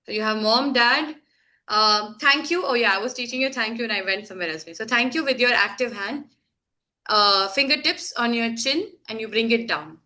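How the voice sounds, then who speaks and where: A woman's voice: a little high, normal speed, bright, forceful tone. A woman leading an online sign language workshop, chatty and demonstrative, laughing often, speaking over a video call.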